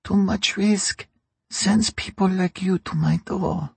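A man voicing a raspy old crime matriarch. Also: high-pitched, steady tone, takes it slowly, no room sound, pitched above the performer's own voice, heavily acted. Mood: defiant. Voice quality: dry and raspy. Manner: mocking, sly, bargaining. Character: old female crime boss, dry, sly, ruthless. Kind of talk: audiobook character reading.

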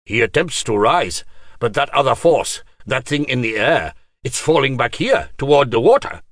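A man's voice: medium pitch, normal speed, no room sound, studio quality, voice pushed up. A man voicing an eager, knowing older magician in an audiobook. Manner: eager, excited.

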